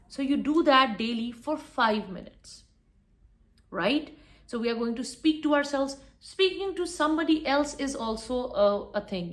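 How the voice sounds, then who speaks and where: A woman giving a spoken English lesson, firm and instructive, repeating her key points. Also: sits high. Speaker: English teacher.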